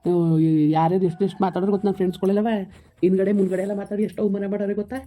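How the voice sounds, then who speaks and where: A woman's voice: mid-range voice, little pitch movement, warm tone, close to an everyday voice. A young woman playing a fed-up grown daughter who scolds her family in a village comedy skit, firing off indignant questions. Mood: hurt. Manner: indignant, scolding, rapid-fire rhetorical questions. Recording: tinny phone-like audio.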